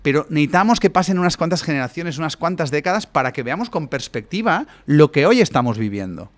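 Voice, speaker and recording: In a podcast conversation, a guest coach lays out his ideas at length, lecturing expansively and often ending a point with a rhetorical tag question. His voice is fairly high, expressive and fast.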